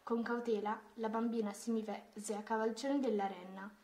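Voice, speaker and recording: A woman reading a children's Christmas story aloud, in a gentle, expressive way. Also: fairly high pitch, normal speed.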